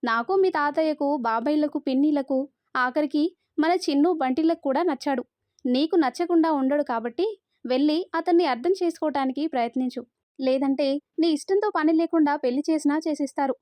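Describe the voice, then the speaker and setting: A woman's voice: sits high, fairly quick, a little mellow, dry recording, lightly acted. A woman voicing a firm middle-aged mother.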